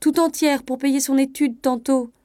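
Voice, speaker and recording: A woman voicing a distraught young bourgeois wife, pleading and shrill with panic. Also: fairly even intonation, normal speed, mellow, no room sound, studio quality, lightly acted. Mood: stunned.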